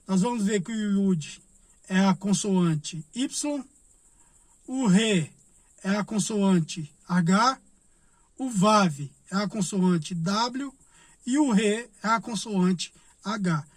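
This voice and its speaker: A man with a notably high voice teaches an informal Bible study, going over each point patiently and asking himself questions before answering them. The sound is dry and close, with no room around it. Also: no room sound. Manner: explains slowly, repeats points, asks and answers his own questions.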